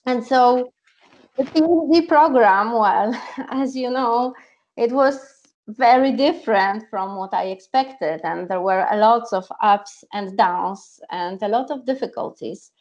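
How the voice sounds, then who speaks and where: Over low-fidelity video call audio, a woman whose first language is Polish shares her story sincerely during an online talk. She works as a psychologist and coach, and her somewhat high voice has a darkish tone and a measured pace.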